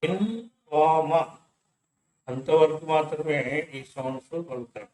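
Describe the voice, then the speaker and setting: A man's voice: fairly high pitch, fairly even intonation, darkish tone, a little hiss or hum. A man teaching English pronunciation, splitting each word into its sounds and repeating them one by one. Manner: slow, breaks words into sounds and repeats them. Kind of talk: syllable-by-syllable pronunciation lesson. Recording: echoey room.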